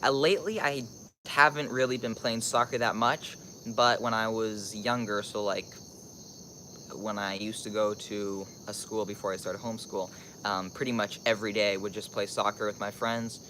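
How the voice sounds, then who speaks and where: A man's voice: fairly low pitch, fairly even intonation, normal speed, pushed and bright, a little hiss or hum. A teenage young man from Costa Rica chats casually as a live-streaming vlogger, rambling and thinking aloud with lots of filler "like"s.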